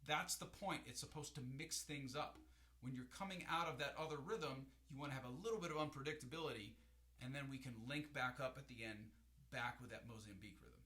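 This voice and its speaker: A man's voice: mid-range voice, brisk. A man teaching a hand-drum class in a casual, explaining way, often checking in with "right?". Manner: shouts drum strokes and counts over playing. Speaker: music teacher. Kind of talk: hand-drum lesson with spoken counting. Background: hand drums playing.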